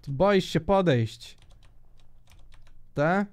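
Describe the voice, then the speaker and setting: A young man giving joking, excitable commentary while he plays a multiplayer block-building minigame, often shouting at other players. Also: sits high, very slow, smooth. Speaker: gaming YouTuber.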